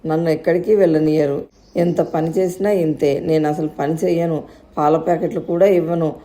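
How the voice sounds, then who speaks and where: A woman voicing a stubborn little boy who whines and shouts in a storybook. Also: sits low, fairly even intonation, moderate pace, close to an everyday voice. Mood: sulky tearful. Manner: whiny, pleading, shouty.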